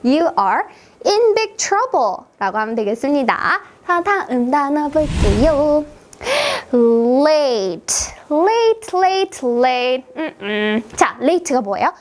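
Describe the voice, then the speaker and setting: A woman leads a children's English lesson in a high, bright voice that swings widely up and down. She sounds playful and sing-song, throwing in big gasps and cheerful prompts to young learners. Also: very animated, drawn-out words, a little hiss or hum.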